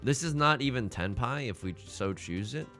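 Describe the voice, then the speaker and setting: A man's voice: medium pitch, expressive, normal speed, sharp tone, faint music behind. A man commentating on his own game live, thinking aloud casually with joking, mock-dramatic asides. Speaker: gaming streamer.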